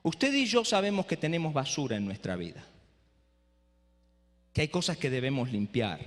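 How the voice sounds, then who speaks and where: A man lecturing pastors in a preaching style, lively and rhetorical, often asking the audience "eh?". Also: on the high side, moderate pace. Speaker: speaker at a training for pastors. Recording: echoey hall.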